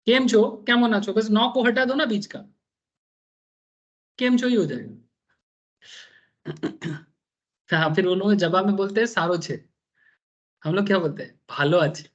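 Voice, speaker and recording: This Bengali tax teacher's high voice comes through dull audio. He gives a rambling, chatty classroom lecture on tax, checking in with students regularly.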